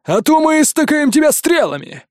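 A man voicing gruff little animal sky guards who bark threatening calls. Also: very high-pitched, big pitch swings, moderate pace, dry recording, studio quality, pitched above the performer's own voice.

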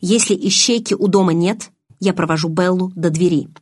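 Woman reading as a bossy stern young guy, curt orders, low husky voice, dry. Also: normal speed, darkish tone, no echo. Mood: commanding. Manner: curt, commanding. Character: stern, commanding young man. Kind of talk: audiobook reading.

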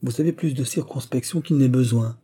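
A man voicing a proud, sharp-tongued middle-aged mother who scolds her family with scorn, in a husky, dark voice. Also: mid-range voice, a little fast, lightly acted. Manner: indignant, scornful.

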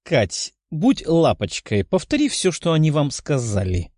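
A man voicing a calm, sweetly smiling young woman in a storybook reading. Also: a little high, unhurried, dry recording, clean studio sound, heavily acted. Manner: sweet, composed.

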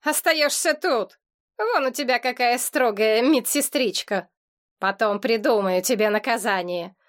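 A woman's voice: fairly high pitch, a little slow, natural voice. A woman doing a scolding demon uncle. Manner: scolding, sarcastic. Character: gruff middle-aged male demon clan head, exasperated uncle. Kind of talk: audiobook character reading.

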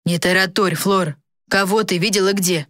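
A woman's voice: mid-range voice, fairly even intonation, moderate pace, a bit bright, no echo, clean studio sound, close to an everyday voice. A woman voicing a hot-tempered young male captain who speaks curtly and impatiently. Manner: gruff, curt, impatient.

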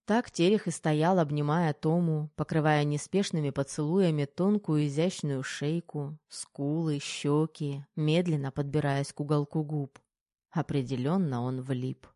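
A woman narrating a novel in an even, unhurried storytelling manner. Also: sits low, no room sound, studio quality. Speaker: audiobook narrator. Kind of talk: scripted narration.

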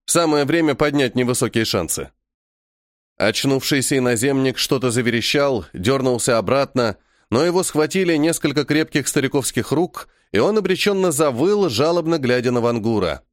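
A man narrating a first-person science fiction audiobook in an expressive storytelling manner. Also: medium pitch, normal speed, hardly any pauses, no room sound, studio quality.

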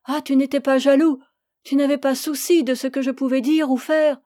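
Reading an audiobook, a woman voices an anguished young woman who sounds passionate and reproachful. Her voice is high and warm, a bit above her natural pitch yet close to everyday speech, with fairly even intonation at a moderate pace. The recording is clean studio sound with no echo, and the mood is impassioned.

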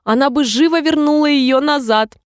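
Storybook cast: a polite, eager young girl, put on by a woman, high and sweet. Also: moderate pace, no room sound, studio quality, lightly acted. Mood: wistful. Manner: polite, earnest.

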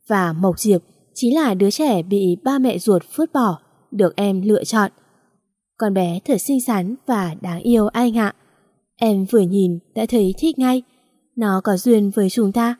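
A woman narrating a romance story in an even, measured reading voice. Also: medium pitch, dry recording, clean studio sound.

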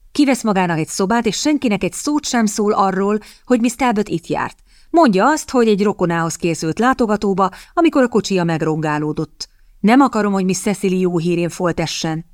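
A woman reading the lines of a composed young gentleman in a firm, commanding way. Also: mid-range voice, no echo, clean studio sound, lightly acted.

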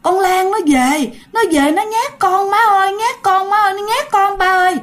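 A woman's voice: animated, brisk, fairly bright tone. A woman voicing a terrified young woman who shrieks in panic about a ghost, in a spoken ghost story. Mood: panicked. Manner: shrill, panicked wailing.

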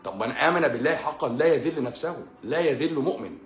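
An Egyptian man rattles off a sarcastic, scolding live-stream monologue at a rapid clip. His voice sits a little high and he repeats phrases to drive his points home. The room is echoey, with faint music underneath. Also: expressive. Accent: Egyptian Arabic. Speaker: doctor answering viewer comments on a live stream.

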